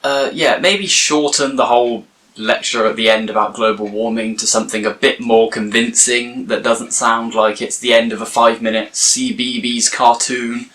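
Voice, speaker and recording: A man's voice: mid-range voice, fairly even intonation, normal speed, a bit bright. A man giving a casual, rambling review full of fillers and restarts. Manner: rambling, hesitant with many fillers. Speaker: YouTube reviewer.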